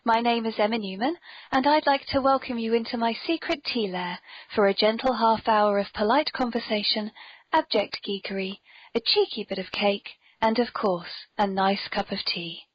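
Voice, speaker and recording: This British woman's husky, higher-pitched voice moves at a normal speed, with no room sound, though the recording is dull, lo-fi, and noisy. As a podcast host she's genteel and very polite with a playfully theatrical flair, mixing whimsical scripted bits and genteel chat.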